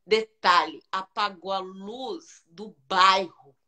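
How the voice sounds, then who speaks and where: A Brazilian woman, a singer guest on a live stream, telling a childhood story with dramatic, animated retelling. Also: medium pitch, extremely slow.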